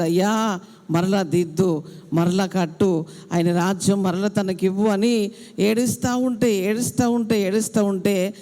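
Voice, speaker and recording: A woman's voice: medium pitch, dark tone. A woman preacher giving an impassioned sermon, repeating her phrases for emphasis. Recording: echoey hall.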